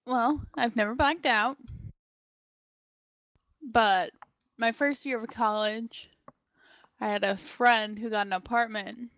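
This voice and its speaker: High-voiced young woman telling a wild story. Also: takes it slowly, long pauses, dry recording, dull audio. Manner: animated, swearing, laughing as she acts out quotes. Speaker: guest. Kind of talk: casual podcast storytelling.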